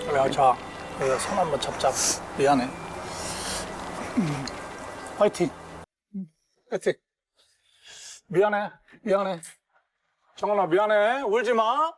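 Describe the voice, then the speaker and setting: An older man, a stepfather talking bluntly and gruffly with his daughter in a documentary. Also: sits high, slow pace, long pauses, faint music behind. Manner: gruff, blunt, teasing banter. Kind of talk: casual family talk.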